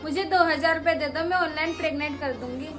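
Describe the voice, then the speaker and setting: A woman's voice: sits high, quick pace, echoey room, recorded from a distance, loud music behind the voice. A woman acting in a comedy sketch, playing a sassy, teasing wife. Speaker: comic sketch performer.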